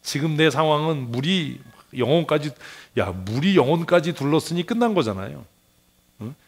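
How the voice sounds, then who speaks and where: A middle-aged male pastor giving a Sunday sermon in a lively way, acting out quoted voices and asking the congregation questions. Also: a little high, normal speed, slightly rough. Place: church sanctuary.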